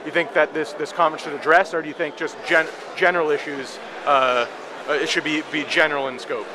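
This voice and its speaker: A man's voice: fairly high pitch, fairly even intonation, fairly quick. A man interviewing someone with probing, challenging questions, often stammering as he phrases them. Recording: clear outdoor street and vehicle noise.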